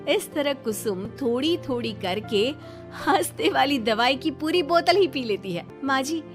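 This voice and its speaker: A woman narrating a family story in a plain, even storytelling manner. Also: high voice, unhurried, over music.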